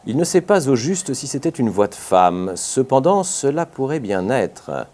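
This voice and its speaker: A man reading a classic detective story aloud as an audiobook narrator, in a measured, expressive manner. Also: medium pitch. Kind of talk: scripted narration.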